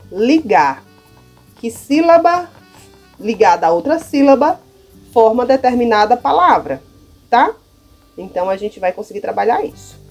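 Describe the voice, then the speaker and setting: A woman's voice: medium pitch, darkish tone, slightly rough. A Brazilian woman teacher with a Brazilian Portuguese accent, walking through classroom material in a casual, chatty way and often checking in with her listeners. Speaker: primary school teacher. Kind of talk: casual how-to demonstration.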